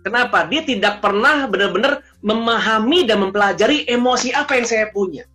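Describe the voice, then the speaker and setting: A man who coaches emotional intelligence, explaining in an animated, conversational way and mixing English phrases into his speech. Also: high voice, brisk, soft background music. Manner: lively storyteller, mixes English phrases into speech.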